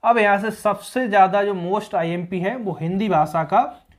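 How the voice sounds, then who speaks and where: A man's voice: high-pitched, measured pace. Male tutor, exam-prep grammar lesson; patient, explanatory, drills key points. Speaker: teacher.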